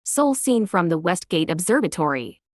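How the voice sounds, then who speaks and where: A woman giving calm, measured, scripted travel narration as a vlogger on a winter hike. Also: lowish voice, dry recording, studio quality.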